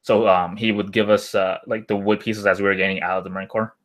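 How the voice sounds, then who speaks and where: A man's voice: fairly low pitch, flat delivery, quick pace. A young man chatting casually on a livestream in a rambling, hesitant way, often trailing off. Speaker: live streamer, former Marine.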